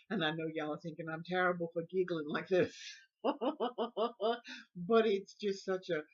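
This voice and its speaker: A woman's voice: lowish voice, fairly bright tone, breathy edge, muffled recording. A middle-aged woman, telling a childhood story on her vlog in a folksy way and laughing often. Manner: folksy, laughing as she tells it. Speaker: vlogger.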